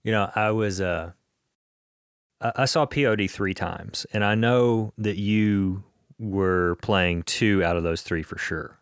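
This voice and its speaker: A man's voice: on the low side, takes it slowly, clear, resonant tone, no room sound, clean studio sound. A man hosting an interview podcast, chatting casually and recalling concerts like a fan. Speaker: podcast host.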